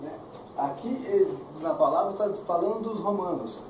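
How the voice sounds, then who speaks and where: A man's voice: high voice, moderate pace. Man preaching in an echoey church. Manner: conversational preaching, frequent "né?" tags. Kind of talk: sermon. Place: church hall. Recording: echoey church, far mic, clear background noise.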